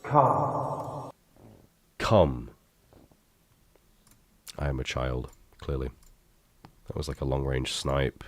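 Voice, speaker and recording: Rumbling low and expressive, this young man talks very slowly with frequent pauses while reacting to his old videos. Bunged up from illness, he rambles, swears casually, and makes self-deprecating jokes. A little hiss or hum sits under the recording.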